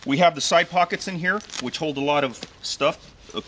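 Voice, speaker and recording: A middle-aged man hosting a casual outdoor gear chat, teasing and animated, recorded from a camera a few steps away. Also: a little high, moderate pace, slight background noise. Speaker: host. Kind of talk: casual show-and-tell chat. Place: outdoors in a wooded park.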